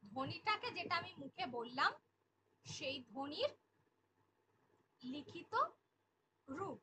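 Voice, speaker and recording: A woman teaches an online exam-prep class in a very high voice. She repeats each key definition and keeps asking the class questions. Clear background noise hisses under the whole recording. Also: animated, slow. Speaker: Bengali teacher.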